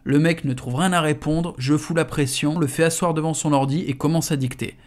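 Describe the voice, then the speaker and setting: A man's voice: a little high, fairly even intonation, fairly quick. A man reading a novel aloud in the first person, in a casual, slangy storytelling manner. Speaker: audiobook reader.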